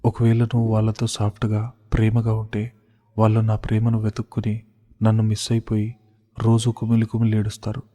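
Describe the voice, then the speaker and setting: A man voicing a dying stepmother who speaks in a faint, halting way. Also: lowish voice, completely flat delivery, dark tone, long reverb tail, natural voice. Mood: weak.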